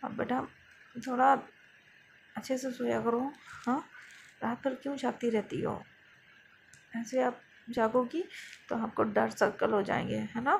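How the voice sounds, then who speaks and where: A woman voicing a caring middle-aged mother who hurries and gently scolds her daughter. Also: fairly high pitch, fairly even intonation, unhurried, creaky, long pauses. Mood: fussing. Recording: noisy background hiss.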